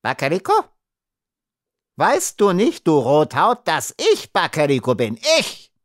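A man's voice: mid-range voice, very animated, moderate pace, no room sound, studio quality, lightly acted. A male narrator voicing a tiny, frightened male arms trader who whines and shrieks his complaints in an audiobook. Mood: angry shrieking. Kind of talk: audiobook character voice.

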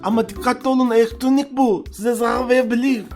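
A woman's voice: on the high side, fairly even intonation, fast, a little mellow, faint music behind, voice pushed down, natural voice. A woman doing a fussy arcade repairman. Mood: cautious, warning. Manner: polite, warning, earnest. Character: fussy male arcade repairman, cautious, polite.

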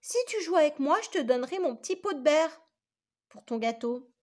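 A woman voicing a bold, cheeky little girl in red with a high, shrill voice, reading a storybook aloud. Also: expressive, normal speed, a little mellow.

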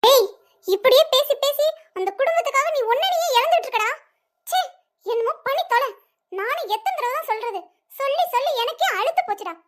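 A woman voices a sharp-tongued cartoon mother who scolds her son with exasperation. The voice sits very high and shrill throughout. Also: animated, moderate pace, long pauses. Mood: exasperated. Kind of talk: animated web series voice acting.

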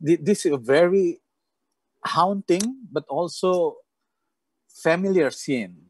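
A middle-aged Balinese man with an Indonesian accent conducts an interview over a video call, speaking reflectively and with some hesitation into an earphone headset mic. His voice is slightly high with a breathy edge, and the audio quality is poor. He sits indoors in a room lined with books, acting as interviewer and moderator.

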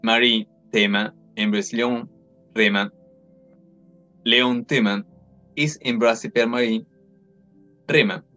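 Young man, slow verbatim textbook reading, measured, dull lo-fi webcam sound, faint music behind. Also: medium pitch, steady tone, pushed and bright. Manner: slow, measured, reads foreign examples carefully. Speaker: reader of an academic text.

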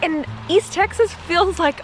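A woman chatting casually as an RV travel vlogger, playful and quick to laugh. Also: very high voice, faint music behind. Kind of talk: casual vlog chat.

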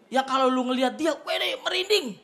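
High-voiced Jakarta man doing loud stand-up. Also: brisk, gravelly. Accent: Jakarta colloquial Indonesian. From Tanjung Priok, Jakarta, Indonesia. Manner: loud, excitable, bursts into shouted punchlines. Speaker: stand-up comedian. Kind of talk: stand-up comedy routine. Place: TV studio stage with live audience. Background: audience laughter.

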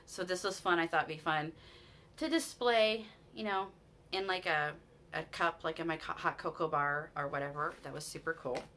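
Bright-voiced chatty American woman vlogger. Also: deep voice, normal speed, slight background noise. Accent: American, Utah. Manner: chatty and enthusiastic, with frequent restarts and "you guys". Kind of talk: casual haul chat to camera. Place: small room at home, in front of a curtain.

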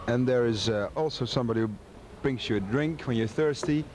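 A man's voice: mid-range voice, fairly quick, a little mellow, slight background noise. A man in his twenties from the Netherlands, answering playfully in an interview. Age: 20s. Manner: playful, joking. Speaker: pop singer.

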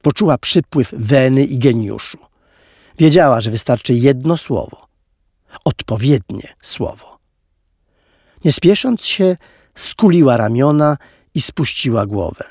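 Animated male audiobook narrator. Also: medium pitch, a little slow, pauses often, no room sound, studio quality. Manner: expressive, animated storytelling. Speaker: audiobook reader.

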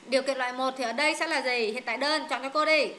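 A woman tutoring students in English, drilling them through exam answers in a brisk, directive way and correcting their mistakes firmly. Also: high voice, steady tone, noisy background.

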